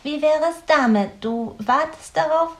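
A woman voicing a cheerful, curious young female helper who talks in a bright, playful way. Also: high voice, pitched above the performer's own voice. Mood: amused, playful. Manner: bright, playful, quick to laugh.

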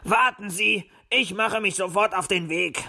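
A man doing a grumpy gravelly male fox. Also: high-pitched, a little slow, pushed and bright, heavily acted. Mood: grumbling. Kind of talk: audiobook character voice.

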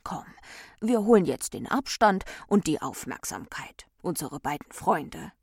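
A woman voicing a calm, kindly personification of Law in a storybook, speaking softly and slowly. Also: deep voice, creaky, slightly rough, no echo, clean studio sound, heavily acted. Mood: soothing. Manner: soft, soothing, slow.

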